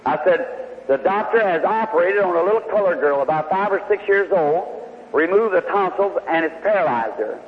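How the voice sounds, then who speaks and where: Before a congregation in a large hall, a man with a high-sitting voice tells a healing story as sermon testimony, folksy and homespun, with lively intonation at normal speed. The old recording sounds tinny, with faint hiss.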